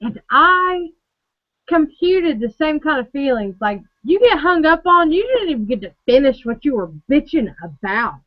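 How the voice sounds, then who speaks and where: A woman with a high voice co-hosts a casual drinking chat, telling her stories in a profane, animated way. The recording is dull and lo-fi. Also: normal speed. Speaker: podcast co-host.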